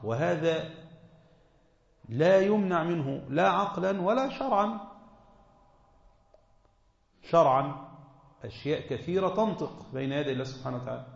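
A man's voice: a little high, vocal fry. Egyptian man teaching in an echoey hall. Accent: Egyptian Arabic. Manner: switches between formal reading and colloquial asides, asks the class questions. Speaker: teacher of Quranic exegesis. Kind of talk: classroom lesson explaining a tafsir text. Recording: echoey hall, dull lo-fi sound.

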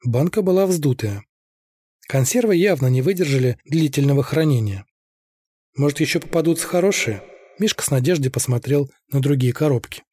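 A man narrating an audiobook in a steady, even way. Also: medium pitch, brisk, breathy edge, dry recording, studio quality.

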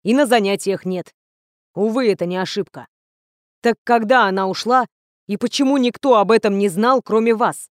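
A woman's voice: mid-range voice, moderate pace, no room sound, clean studio sound, close to an everyday voice. A woman voicing a weary, stern middle-aged male teacher who speaks curtly and with authority. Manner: curt, grim, authoritative.

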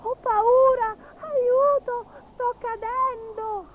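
A woman puts on a small, scared male kitten from a storybook, pleading in a piercingly high, squeaky voice. The sound is thin and phone-like, with a faint hiss underneath. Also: a little slow. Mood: terrified sobbing. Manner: pleading, sobbing cries. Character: frightened little male witch's kitten.

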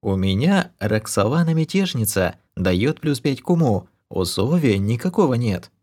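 A puzzled male adventurer who marvels at an odd card, as a man puts him on. His voice is pitched a bit higher and sounds oddly strained. He speaks with a lively, questioning lilt. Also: moderate pace. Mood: astonished. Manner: astonished. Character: puzzled male party member.

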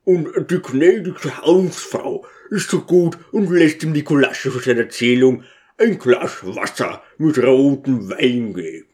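A man's voice: mid-range voice, lively intonation, a little slow, darkish tone, natural voice. A man reading aloud and voicing a hearty, self-satisfied deacon who orders a party about. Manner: hearty, bossy, self-pleased. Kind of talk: audiobook character voice.

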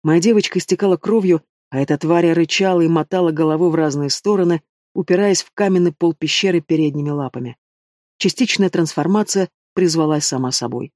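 Guy reading a fantasy novel, dramatic steady voice, bit high, dead dry mic. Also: brisk, dry recording. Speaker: audiobook narrator. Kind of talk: first-person audiobook narration.

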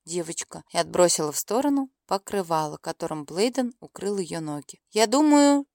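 A woman's voice: on the low side, expressive, brisk, gravelly, darkish tone, dry recording, clean studio sound. A woman reading a fantasy romance novel aloud as an audiobook narrator.

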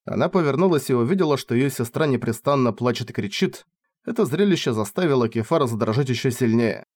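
A man's voice: medium pitch, animated, fast talker, a little mellow, dry recording, clean studio sound. A man reading a fantasy novel aloud as an audiobook narrator, telling the story expressively.

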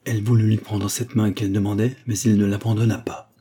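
A man narrating a classic novel in a steady, unhurried reading voice. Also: on the low side, breathy edge. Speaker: audiobook reader. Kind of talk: literary narration.

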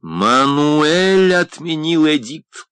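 A man voicing an embittered male friend who speaks loudly, slowly and indignantly. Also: lowish voice, lively intonation, no room sound. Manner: loud, deliberate, indignant.

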